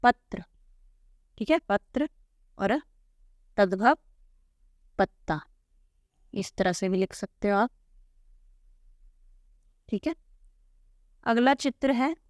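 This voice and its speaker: A woman teaches a school Hindi lesson, patiently going through textbook answers and frequently checking in with "theek hai" (ठीक है). Her voice is medium-pitched, and the recording is dry and studio quality.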